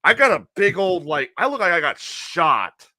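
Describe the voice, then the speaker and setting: A male podcast host telling a rowdy story in an animated way, laughing often and swearing freely. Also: sits high, normal speed, no echo, studio quality.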